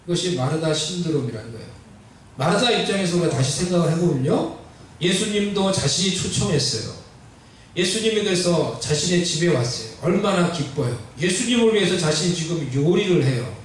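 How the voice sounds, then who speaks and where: A male pastor preaching a sermon, animated and conversational, often asking the congregation questions. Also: fairly high pitch, a little fast, heavy reverb, recorded from a distance, slight background noise, poor audio. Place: church sanctuary.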